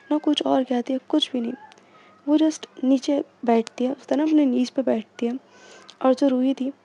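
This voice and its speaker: A woman storyteller narrating an audio love story in a casual, chatty way, filling pauses with frequent fillers. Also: high voice, dark tone. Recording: muffled lo-fi recording.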